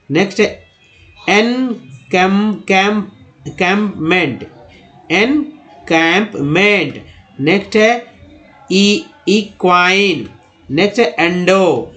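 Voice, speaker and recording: High-voiced man sounding out English words. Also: a bit bright. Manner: sounds words out syllable by syllable, repeating each. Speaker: English teacher. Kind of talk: slow word-by-word pronunciation lesson.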